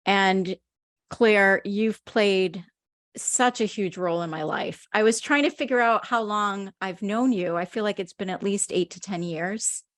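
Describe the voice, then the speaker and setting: Speaking at a measured pace in a medium-pitched voice, a woman opens her podcast interview with heartfelt, effusive sincerity, savoring each compliment about her guest. The studio-quality audio has no echo.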